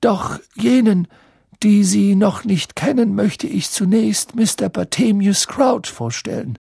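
A man voicing a calm, solemn old male headmaster who speaks slowly and ceremoniously, in a husky voice. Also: sits high, dry recording, clean studio sound, pitched above the performer's own voice, heavily acted. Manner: slow, ceremonious speech.

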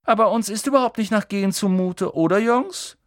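A man's voice: high-pitched, a little fast, no room sound, clean studio sound, voice pushed up, natural voice. A man voicing an arrogant, mocking rich schoolboy in an audiobook reading. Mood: sneering. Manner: drawling, mocking.

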